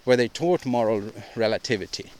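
A man's voice: medium pitch, lively intonation, brisk. Male podcast host, solo monologue; rambling, opinionated, frequent restarts and repeats. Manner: opinionated, ranting delivery.

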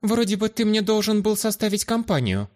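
A prickly young noblewoman from a fantasy audiobook, quick with mocking questions, as a male narrator puts her on. Her voice sits well above a man's usual register and swings up and down with lively, animated intonation. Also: sits high, pitched above the performer's own voice. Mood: teasing. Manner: mocking, inquisitive. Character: sharp-tongued young noblewoman, brunette.

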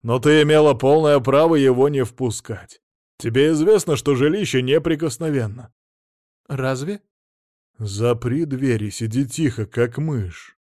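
Brief: man playing a short-tempered middle-aged husband, bullying, loud, heavy sarcasm. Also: medium pitch, measured pace, no room sound, studio quality, lightly acted. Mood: lecturing. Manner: snapping, lecturing, shouting in bursts. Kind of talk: audiobook character voice.

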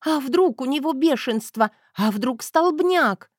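A woman voicing a frightened, whiny and quick-tempered young wife in an audiobook, with high tearful complaints. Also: lively intonation, dry recording, clean studio sound. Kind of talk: audiobook character voice.

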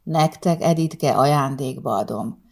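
Woman reading a quiet, proud old street seller. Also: very deep voice, creaky, full character voice. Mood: gentle. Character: poor older man selling coins, quiet and proud.

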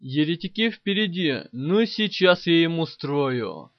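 A man reading an audiobook and voicing a crazed, frantic male soldier who drives a tank, yelling his lines. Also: a little high, expressive, normal speed, dry recording, muffled recording. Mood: gleeful raging.

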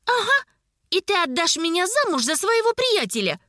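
A woman's voice: high voice, sing-song, moderate pace, pushed and bright, dry recording, clean studio sound, voice pushed up, exaggerated voice. A woman voicing a feisty young red-haired woman who answers back with defiant retorts.

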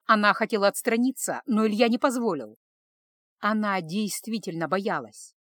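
A woman narrating an emotional love story in a steady, expressive storytelling manner. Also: mid-range voice, moderate pace, no echo, clean studio sound. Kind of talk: scripted audiobook narration.

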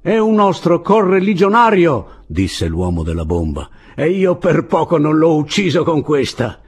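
A man's voice: deep voice, normal speed, darkish tone, slightly rough. A man voicing a fervent anarchist militiaman with a grenade, speaking with a challenging tone, in an audiobook reading.

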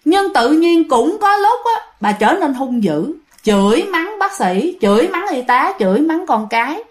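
A woman's voice: high voice, a little slow. A woman with a southern Vietnamese accent telling a ghost story in a chatty, casual way, often speaking straight to her listeners. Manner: chatty, addresses listeners directly, animated retelling.

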